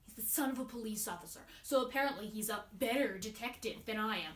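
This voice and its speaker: A woman's voice: on the high side, close to an everyday voice. A woman voicing young Sherlock, a clever, bored, know-it-all boy, acting in an amateur audio drama. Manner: cocky, excitable, quick to complain of boredom. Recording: roomy echo, faint noise.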